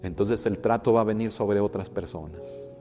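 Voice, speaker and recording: A man's voice: fairly low pitch, normal speed, warm tone, in a large hall, soft background music. A man preaching a sermon as a pastor, asking rhetorical questions and calling his listeners brothers. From Mexico.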